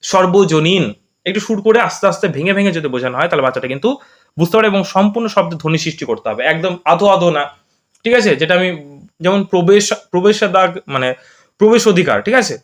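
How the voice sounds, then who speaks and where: A male tutor walks through exam questions step by step, often pausing to ask if it's clear. His voice sits high and his words come quickly. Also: animated. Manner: explains step by step with frequent checks like "okay?". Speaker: teacher. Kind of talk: exam prep lesson.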